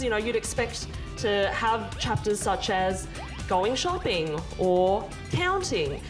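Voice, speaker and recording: An Australian woman from Melbourne, a comedian hosting a travel show, chatting and doing stand-up with frequent laughs. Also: fairly high pitch.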